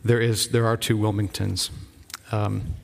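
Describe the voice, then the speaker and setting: A visiting church-planting pastor from Rhode Island gives an earnest, informal update from the pulpit, his fairly low, creaky voice holding a level tone. He sounds enthusiastic but halting, often restarting sentences, while the church sanctuary adds a long hall reverb.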